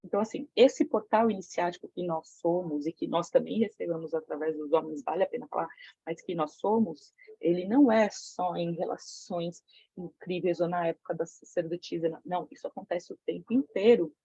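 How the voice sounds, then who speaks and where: A Brazilian woman leads a women's circle, speaking in a mellow, husky voice and telling a candid story. She talks frankly and profanely, full of slang. The recording is dull and lo-fi. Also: lowish voice, fairly quick, no room sound. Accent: Brazilian Portuguese. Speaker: women's tantra circle facilitator. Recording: dull lo-fi sound.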